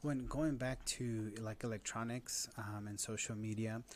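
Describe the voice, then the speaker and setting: A man in his thirties, a guest expert on parenting, explains his ideas in an earnest, conversational way, often tagging points with "right?". His voice is fairly low and a little mellow, steady in tone, and measured in pace. There's slight background noise.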